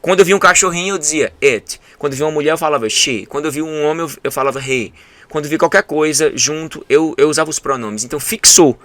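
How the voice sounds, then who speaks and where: Brazilian male host, English teacher, bright voice, animated. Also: on the high side, rapid-fire, few pauses, no room sound. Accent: Brazilian Portuguese. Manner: animated, acts out his students' voices. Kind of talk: casual interview chat.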